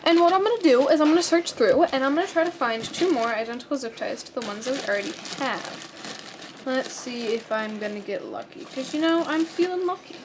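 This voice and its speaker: Woman, high voice, chatty and self-mocking, casual hands-on tutorial, faint background hiss. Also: a little fast. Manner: reads kit instructions aloud. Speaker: host.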